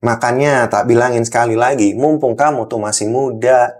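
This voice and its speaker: A man's voice: medium pitch, steady tone, moderate pace, darkish tone, close to an everyday voice. A man from Java playing an angry boss who scolds and lectures a young employee in a role-played monologue, repeating points for emphasis. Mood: stern, scolding.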